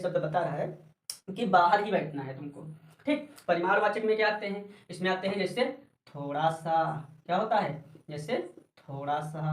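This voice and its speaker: A man's voice: high voice, far from the mic. A male teacher works through a grammar lesson, putting questions to the class and answering them himself. He calls his students child and brother. His voice rings in an echoey room and sounds set back from the mic.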